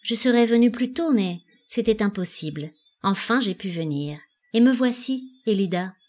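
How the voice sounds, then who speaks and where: A woman voicing a calm, mysterious male stranger in a dramatic play reading, low, muted and impassive. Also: normal speed, lightly acted.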